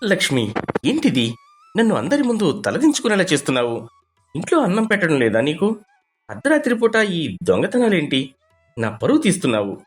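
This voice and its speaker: A man voicing a stern young husband in an animated story, speaking reproachfully. Soft music plays in the background. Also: medium pitch, normal speed, natural voice.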